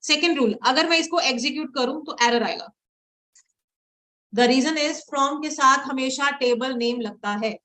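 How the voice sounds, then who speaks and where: Speaking a little slowly in a high, pushed, bright voice, a woman teaches SQL in a screen-recorded live coding lesson. She types queries while quizzing students in mixed Hindi and English, and the recording is rough.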